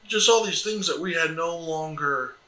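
Sitting at a table indoors in a small, sunny room near the windows, a thirtysomething American man co-hosting a homesteading vlog chats casually to camera. His voice is a little high, pushed and bright, at a moderate pace, and his explanations ramble and run long. The recording has an echoey room sound.

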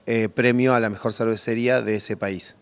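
A man in a festival hall answering interview questions, talking hesitantly with many pauses and fillers. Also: on the low side, fairly even intonation, smooth. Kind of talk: casual interview. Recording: faint ambient noise.

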